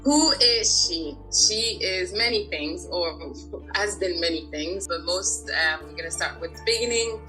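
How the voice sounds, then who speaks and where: A woman in her thirties from France talks casually as an interview guest about her life. Her voice sits low but sounds bright and forward. She speaks in a chatty way, with frequent laughs and fillers. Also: expressive, unhurried, faint music behind, low-quality recording. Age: 30s. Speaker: guest, freediver.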